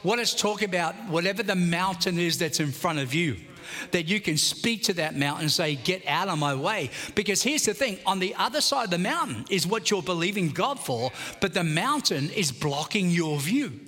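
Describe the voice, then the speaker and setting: A man's voice: high voice, moderate pace. Man, pastor, sermon, emphatic scripture reading, long hall reverb. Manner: animated preaching, reading scripture aloud with emphasis.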